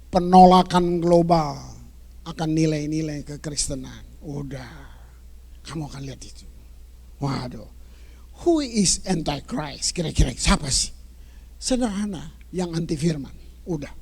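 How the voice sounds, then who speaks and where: A male pastor preaching a lively, emphatic sermon, repeating words for emphasis and swinging from loud to hushed. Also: high-pitched.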